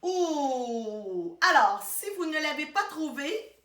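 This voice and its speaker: A woman's voice: high voice, big pitch swings, slow pace, fairly bright tone, full character voice. A woman playing a theatrical TV quiz hostess who draws out her exclamations. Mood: excited. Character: over-the-top female TV quiz host. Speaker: quiz show host. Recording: roomy sound, far from the mic.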